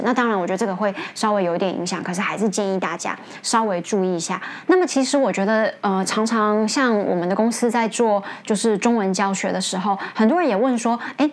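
A female teacher runs a relaxed, chatty English lesson, laughing a lot and lifting her pitch sharply to emphasize key points.

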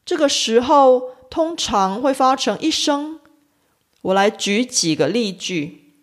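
A woman teaching a language lesson, explaining pronunciation with deliberate, clearly enunciated speech. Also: fairly high pitch, animated.

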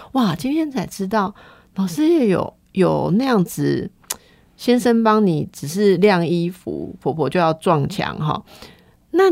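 A woman hosts a casual chat in a low, gravelly voice. Her pitch moves a lot as she asks probing questions and drops little "ha" tags. The sound is close and dry. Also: darkish tone, no room sound. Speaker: host.

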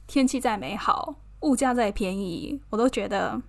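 A woman's voice: medium pitch, moderate pace, gravelly. A woman from Taiwan with a Taiwanese Mandarin accent, chatting casually and expressively as a podcast host, laughing often. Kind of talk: casual personal chat.

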